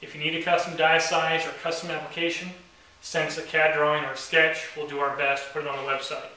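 Speaking to camera with dry, wry humor, a young man who owns the company demonstrates a product in his garage workshop. His high-ish voice is brisk, level, and sharp, heard from a distance via a camera mic across a very echoey garage.

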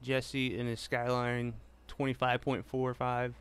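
A man streams a racing game and chats casually with viewers as he drives, speaking slowly in a clean, medium-pitched voice with completely flat delivery. Loud racing engine sounds play over him.

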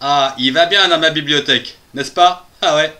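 A man voicing a cheerful little male bear who teaches spelling in a children's phonics lesson, spelling words out slowly syllable by syllable and chuckling often. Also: a little high, sharp tone.

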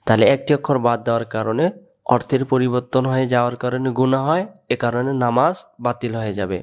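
A man with a Bangladeshi accent teaching Quran pronunciation, who speaks slowly and deliberately and draws out the Arabic words. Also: medium pitch. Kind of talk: religious lesson on Quran pronunciation.

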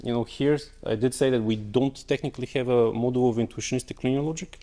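Quick-paced and warm, his medium-pitched voice fairly even in intonation, a young man gives a technical conference talk and answers questions in a lecture auditorium, stumbling through many fillers and restarts.

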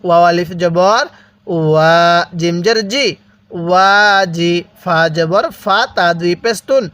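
A man with a Bangladeshi Bengali accent teaching Quran reading, slowly spelling out letters and vowel marks one at a time and having the listener repeat after him. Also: sits high, fairly bright tone, no echo. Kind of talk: slow spelled-out recitation lesson.

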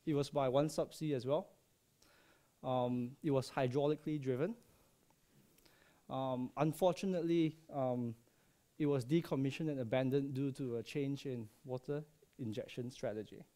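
Here a thirtysomething man from Malaysia presents at a conference in a large lecture hall, friendly and joking, his subsea processing engineering talk peppered with ums and uhs. He speaks at a moderate pace in a medium-pitched, dark voice with fairly even intonation, using a headset microphone.

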